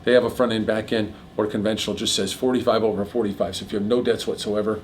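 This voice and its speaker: A middle-aged man hosting a casual chat about mortgages, explaining figures quickly with a jokey manner. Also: fairly low pitch, fairly even intonation, slight background noise. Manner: rapid, jokey, piles on figures. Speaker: mortgage broker host.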